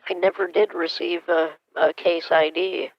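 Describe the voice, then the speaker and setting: Man doing a confused, hard-of-hearing granny; gravelly and halting, over a dull, muffled line. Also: sits high, flat delivery, no room sound. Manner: hesitant, stammering, keeps asking to repeat. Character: frail elderly woman, hard of hearing, confused. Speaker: caller posing as a victim. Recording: muffled phone call.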